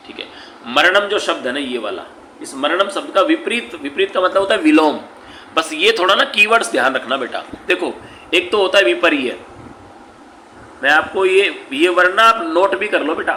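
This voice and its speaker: A Sanskrit teacher with a high, bright, forceful voice takes his students through an exam paper in a classroom-style walkthrough. Patient, he repeats each point, questions himself and supplies the answers, and calls the students "beta". Faint background noise sits in an echoey room.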